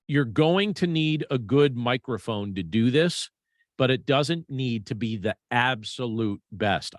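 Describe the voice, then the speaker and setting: A man talking through practical voiceover tips in a conversational, measured way. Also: medium pitch, fairly bright tone, no echo, clean studio sound. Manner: conversational, measured, with fillers and restarts. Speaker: voiceover instructor. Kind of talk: casual instructional talk.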